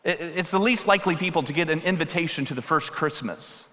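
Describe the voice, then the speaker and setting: A man's voice: fairly high pitch, brisk, sharp tone. A man preaching a sermon into a pulpit microphone, conversational and joking, then building to emphatic appeals. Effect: speaking into a pulpit microphone. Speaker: pastor. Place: church sanctuary. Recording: long hall reverb.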